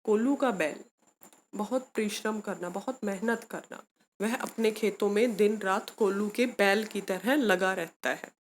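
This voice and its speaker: A woman's voice: medium pitch, unhurried, slight background noise. Patient woman teacher explaining grammar. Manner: explains patiently, asks and answers own questions; calls students beta, mixes English words. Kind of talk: Hindi grammar lesson for students.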